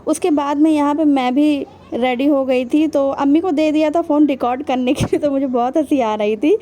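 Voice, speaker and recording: Chatty young woman, high mellow voice. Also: normal speed. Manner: chatty, addresses viewers as friends. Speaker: vlogger. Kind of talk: casual vlog narration.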